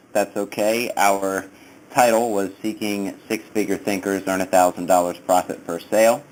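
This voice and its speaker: Low-voiced man leaving a voicemail. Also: slight background noise, poor audio. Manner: businesslike, slows down to read out phone numbers. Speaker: sales recruiter calling applicants. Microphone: calling over an internet phone line.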